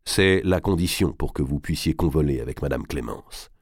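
Loyal old envoy, read by a man in his own deep voice, earnest and respectful. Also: moderate pace, slightly rough, no echo, studio quality. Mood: deferential. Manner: deferential, earnest.

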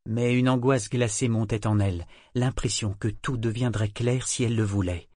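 A male audiobook narrator with a medium-pitched voice reads scripted narration in an even, measured storytelling manner. The studio sound is clean, with no room sound.

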